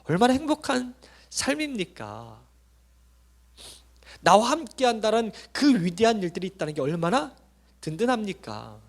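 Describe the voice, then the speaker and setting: Male preacher, high and expressive, impassioned address to the flock. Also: moderate pace, creaky, long pauses. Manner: impassioned, rising and falling, addresses the congregation. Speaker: pastor. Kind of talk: sermon.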